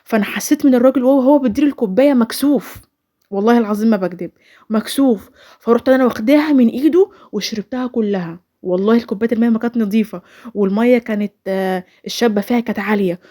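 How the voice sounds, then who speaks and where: A woman's voice: on the high side, racing, mellow. A woman in her twenties with an Egyptian Arabic accent, telling a personal story in a chatty, rambling voice-over full of restarts. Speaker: vlogger.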